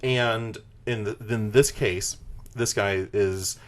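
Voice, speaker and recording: Rambling lower-voiced podcast man. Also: fairly even intonation, slow pace. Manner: rambling pitch full of "like" fillers. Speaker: podcast host. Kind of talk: casual podcast chat.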